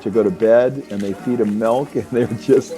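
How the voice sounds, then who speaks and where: A man's voice: mid-range voice, fairly even intonation, normal speed. A man narrating a travelogue as its host, in a casual, enthusiastic way full of superlatives. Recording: music behind the voice.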